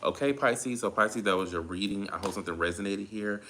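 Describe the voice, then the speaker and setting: Southern guy doing a tarot reading, real low voice, tired and drawn out, repeats himself a lot. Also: pushed and bright, slight background noise. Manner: laid-back, drawn-out, repeats phrases while calling on spirit. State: tired, drained. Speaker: tarot reader. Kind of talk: casual tarot reading monologue.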